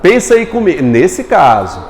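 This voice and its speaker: A man's voice: high-pitched, very animated, normal speed. A man teaching a live grammar class, quizzing his students and answering his own questions. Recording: echoey room with long reverb.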